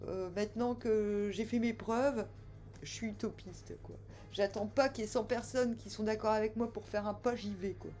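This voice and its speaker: A woman giving a casual tarot reading who talks straight to her viewers, joking, teasing and scolding them, with sudden loud bursts and quiet asides. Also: medium pitch, fairly even intonation, moderate pace, soft background music. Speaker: tarot reader.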